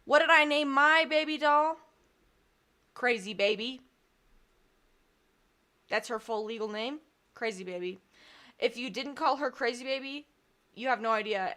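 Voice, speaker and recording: A young woman telling stand-up stories on a stream in a rambling, self-deprecating way, breaking into giggles as she goes. Her voice sits fairly high and sounds bright and crisp. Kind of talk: casual stand-up storytelling.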